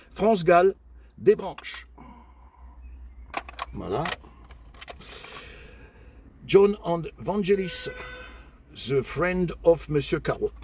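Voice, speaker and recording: Older man, relaxed show-and-tell vlog. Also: a little high, a little hiss or hum. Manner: relaxed, itemizing finds one by one with frequent pauses and fillers; warm and chatty toward his viewers. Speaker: flea-market collector vlogger.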